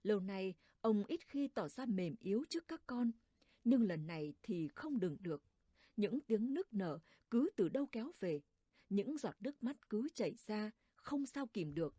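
Woman reading a sad story slow and soft, dark husky voice, dry close mic. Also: mid-range voice, sing-song, no echo. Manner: soft, measured, sorrowful storytelling. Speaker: narrator. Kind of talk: audiobook narration.

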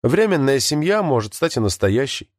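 A man's voice: mid-range voice, big pitch swings, moderate pace, no room sound, clean studio sound. A man reading an audiobook, voicing a tired, wry mother who worries about her son. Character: middle-aged mother, tired, wry, anxious.

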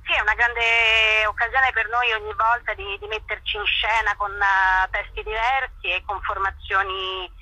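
An actress is interviewed by phone on a radio show, speaking casually and hesitantly while searching for words. Her voice is medium-pitched, steady and sharp, with a moderate pace and few pauses, on a dry recording.

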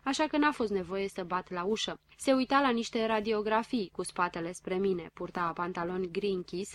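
A woman reads a novel aloud in the first person. Her voice sits at a middle pitch, and her delivery is steady and reflective. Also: no room sound. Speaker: audiobook narrator.

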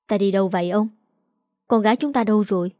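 A woman voicing a distraught middle-aged mother who pleads and shouts in a raised voice. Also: medium pitch, quick pace, no room sound, studio quality, natural voice. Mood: anxious.

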